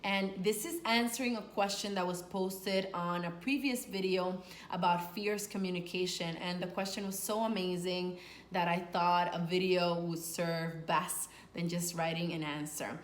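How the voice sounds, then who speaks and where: In an echoey room with a faint hum, a woman speaks at a moderate pace in a lowish voice with fairly even intonation. She's a Dominican sex and life coach and video host raised in New York, offering earnest, conversational advice to the camera in informal language and stressing key words.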